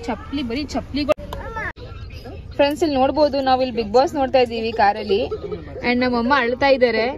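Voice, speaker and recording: A woman's voice: high voice, fairly even intonation, fairly quick, dull audio, a crowd in the background. Chatty young woman vlogging on a phone. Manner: chatty, addresses viewers as friends. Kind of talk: casual family vlog.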